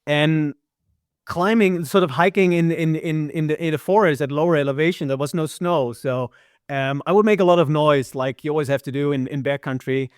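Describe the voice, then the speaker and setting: Smooth and a little fast, a high-leaning male voice tells casual interview stories, peppered with fillers and repeated words. He's a Dutch filmmaker and hiker appearing as a guest, and his accent mixes Dutch with some American. The recording is dry and of studio quality.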